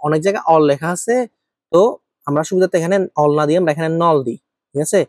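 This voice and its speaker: A man with a slightly high voice teaches chemistry in a loose, conversational way. He asks himself questions, pauses to recall what comes next, and keeps checking that his students are following. The recording is dry and close to the mic. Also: darkish tone, dry recording. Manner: asks and answers his own questions, thinks aloud while writing; addresses students familiarly, often checks in. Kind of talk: informal classroom lecture.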